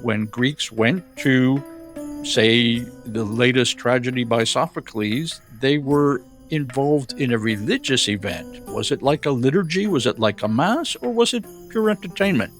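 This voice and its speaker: A man speaks as a professor in a mid-pitched voice. His commentary is thoughtful and explanatory, and he lays out ideas step by step. Soft music plays faintly behind him. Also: lively intonation, a little slow. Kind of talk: expert commentary.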